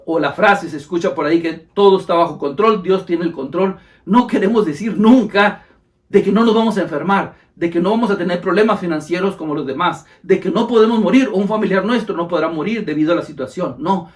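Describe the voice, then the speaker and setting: High-voiced fervent male preacher. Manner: fervent, repeats phrases for emphasis, addresses listener as brother.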